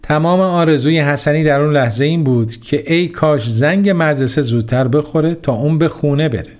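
A man narrates a children's story in a gentle manner, speaking directly to young listeners. His voice sits a little high for a man.

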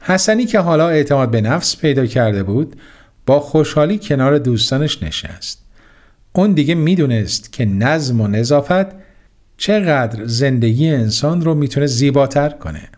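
A man narrating a children's story, gently addressing the young listeners. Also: medium pitch.

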